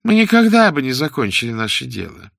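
A man reading aloud and voicing a sickly, melancholy, cruel chief judge of about forty, in a soft, slow, falsely mild voice. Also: medium pitch, very animated, vocal fry, no room sound, studio quality, pitched above the performer's own voice. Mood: pleased, menacing. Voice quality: soft, almost plaintive voice.

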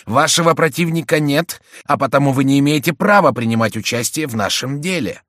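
A man's voice: mid-range voice, very animated, unhurried, fairly bright tone, no room sound, clean studio sound, pitched above the performer's own voice. A man voicing a proud young royal favorite who commands and rebukes the other duelists. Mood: commanding. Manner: commanding and indignant.

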